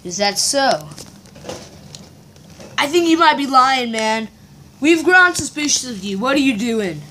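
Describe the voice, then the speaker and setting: Woman, improvised toy play, higher pitched, whispered asides, hissy recording. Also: unhurried. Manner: voices every figure and whispers prompts to a partner. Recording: steady background hiss.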